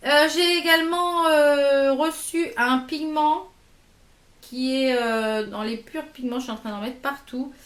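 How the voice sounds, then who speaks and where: High-voiced woman showing makeup, echoey room. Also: a little slow, fairly bright tone. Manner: hesitant, many fillers, shows products to camera. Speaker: beauty vlogger. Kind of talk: casual haul video.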